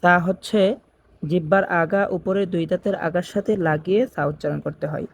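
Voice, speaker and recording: A man teaching Quran reading, slowly repeating each Arabic letter sound and explaining where in the mouth it is made. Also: high-pitched, fairly even intonation, gravelly, slight background noise. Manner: chants the Arabic opening phrases in a drawn-out sing-song.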